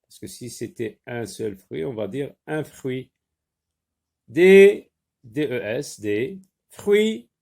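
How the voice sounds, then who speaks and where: A man teaching a spelling lesson, slowly sounding words out and spelling them letter by letter. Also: medium pitch, creaky, darkish tone, husky.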